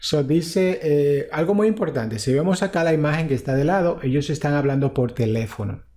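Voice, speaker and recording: A man teaching an English lesson to Spanish speakers, repeating English phrases slowly and then explaining them in Spanish. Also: on the high side, mellow.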